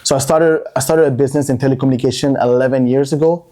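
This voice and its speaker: In a fast, steady, mid-range voice with a dark tone, a Montreal, Canada, entrepreneur tells his story as a podcast guest. The interview is casual, and his talk is chatty and looping, with words repeated.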